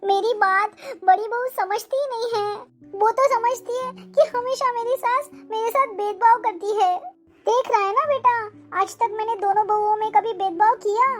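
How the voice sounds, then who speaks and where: A woman's voice: very high voice, normal speed, soft background music. A woman voicing a scolding, self-pitying old mother-in-law in a cartoon family drama, talking in a melodramatic, complaining way. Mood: aggrieved.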